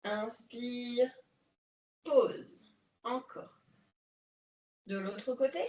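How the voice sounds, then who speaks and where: A woman leading a guided prenatal exercise class, calmly counting breaths and giving coaching cues. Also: fairly high pitch, recorded from a distance, slight background noise. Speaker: prenatal fitness instructor. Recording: echoey room, voice off-mic.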